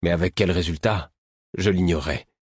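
Audiobook narrator, male, deep and husky, dry close sound. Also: no room sound. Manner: measured, lively storytelling. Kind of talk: scripted narration.

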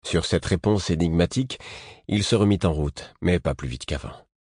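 A man reading a first-person audiobook in a measured, even storytelling manner. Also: sits low, husky, dry recording, studio quality. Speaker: audiobook narrator. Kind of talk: scripted first-person narration.

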